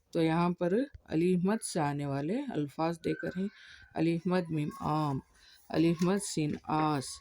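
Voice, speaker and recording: Slow, gravelly-voiced woman teacher. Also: deep voice, warm tone. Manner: slow, drawn-out reading of word lists. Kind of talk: explaining a textbook page to teachers.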